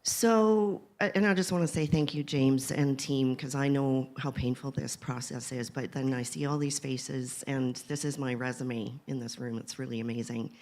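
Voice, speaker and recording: A woman's voice: rumbling low, steady tone, moderate pace, hardly any pauses, a little mellow. A woman from Saskatoon speaking on a live conference panel, chatty and emotional, laughing often as she talks about building a community. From Canada (Saskatoon). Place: conference stage, live audience.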